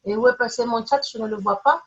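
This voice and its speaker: A woman running an online teaching webinar from her computer, reading out chat answers in quick playful lists. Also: on the high side, lively intonation, husky, dull audio. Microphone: computer mic on a video call.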